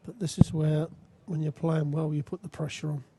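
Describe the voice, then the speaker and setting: A man's voice: a little high, steady tone, moderate pace, vocal fry, noisy background. A man giving conversational, analytical live darts commentary as a co-commentator. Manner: analytical, addresses his co-commentator.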